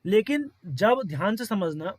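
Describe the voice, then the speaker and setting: A man's voice: high-pitched, expressive, a little slow, no echo. A man teaching exam figure-counting problems step by step, counting aloud and often quizzing his listeners.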